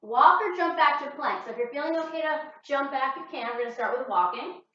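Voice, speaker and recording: A woman's voice: high voice, expressive, fairly quick, sharp tone. Echoey, soothing woman yoga teacher. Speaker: yoga and pilates class instructor. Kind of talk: guided exercise class instruction. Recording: echoey room, distant mic, muffled, faint noise.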